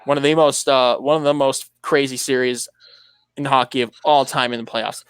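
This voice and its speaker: A man's voice: mid-range voice, steady tone, moderate pace, fairly bright tone, smooth, dry recording. A man hosting a casual motorsport podcast, talking in a rambling, anecdotal way with many restarts. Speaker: podcast host.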